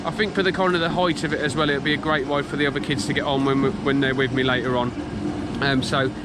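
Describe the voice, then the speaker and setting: A man's voice: flat delivery, fast talker. A man giving a casual, rambling ride review as a theme park vlogger, hesitant and matter-of-fact. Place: outdoors in a theme park beside a coaster. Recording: noisy outdoor park with ride rumble.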